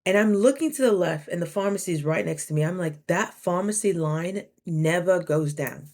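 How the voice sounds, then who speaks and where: A woman in her thirties with a slightly low voice, chatting to her camera in a loose, animated storytelling style. She keeps playing out both sides of a conversation as she goes. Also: normal speed. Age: 30s. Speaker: vlogger.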